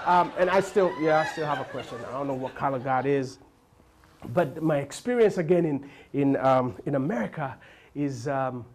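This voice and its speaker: A man from Uganda performing a stand-up comedy set, telling stories and acting out other people's voices. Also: on the high side. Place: live comedy stage with audience. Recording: live room with crowd noise. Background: audience laughter and crowd noise.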